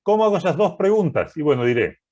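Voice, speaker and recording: A man's voice: on the high side, sing-song, quick pace, a little mellow, highs cut off. A man teaching a programming class, walking through code step by step and often checking that students follow. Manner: methodical, keeps checking understanding with "¿sí?".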